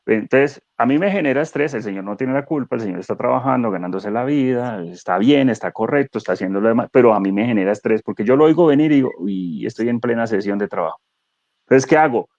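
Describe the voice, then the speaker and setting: A man speaking as a guest neuro-coach in a conversational webinar, animated and explanatory, asking rhetorical questions. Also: mid-range voice, fast talker, few pauses, no room sound, dull audio.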